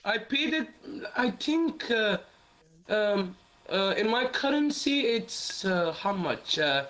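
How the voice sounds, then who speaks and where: A man from Ethiopia with an Ethiopian accent, chatting casually in a virtual world over a headset, halting with many fillers and restarts. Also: sits high, big pitch swings, sharp tone, low-quality recording. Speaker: VR chat player. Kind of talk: casual chat. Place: online virtual world voice chat.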